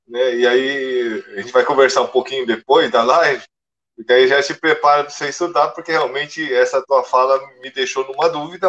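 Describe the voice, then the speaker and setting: A man's voice: mid-range voice, fairly bright tone, highs cut off. Man on a choppy, buffering video call. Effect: choppy audio that breaks up from a lagging connection. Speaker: host of a live stream interview. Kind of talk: casual live interview over a video call.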